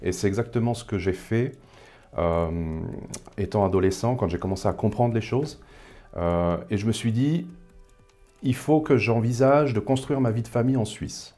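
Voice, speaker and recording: Faint, soft music plays behind a mellow, lowish male voice at a moderate pace. He's in his thirties, from the Paris suburbs of France, chatting casually as an interview guest, pondering his words with frequent fillers and hesitations.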